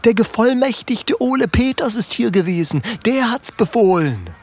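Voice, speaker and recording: Man doing timid pleading laborers, high voice. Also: expressive, moderate pace, a little mellow, full character voice. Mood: fearful. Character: frightened dike laborers, common working men.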